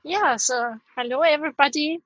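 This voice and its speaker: Bright high-voiced woman from Kazakhstan. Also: normal speed, no room sound, rough recording. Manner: reflective, with frequent hesitations. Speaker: podcast guest. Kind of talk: telling her personal story.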